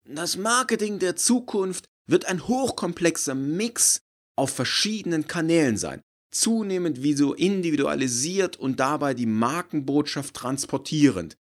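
A man's voice: a little high, animated, unhurried, pitched above the performer's own voice. A man reading an audiobook, voicing a long-winded, pedantic male professor. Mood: lecturing.

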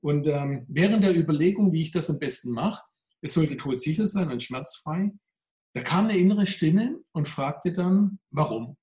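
A man's voice: on the high side, expressive, normal speed, dark tone. A man, a coach and workshop speaker, answering interview questions reflectively, his voice pressed and tense. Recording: roomy echo.

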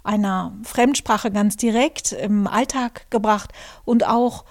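Speaking slowly in a steady, medium-pitched voice, this German podcast host thinks out loud through a reflective monologue, often restarting and using fillers. She is a journalist and author with a show of her own.

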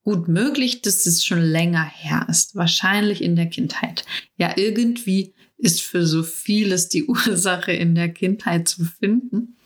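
A middle-aged woman speaking as a coach in a reflective monologue, talking softly and intimately and addressing the listener directly. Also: fairly low pitch, unhurried.

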